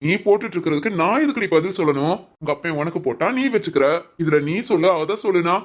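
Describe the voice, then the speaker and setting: A gruff cartoon husband who brushes off every worry and mutters complaints about his lot, as a woman puts him on. His voice sits low for a woman and is scolding and self-pitying. He belongs to a cartoon family drama. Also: expressive, quick pace. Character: grumbling, dismissive young husband.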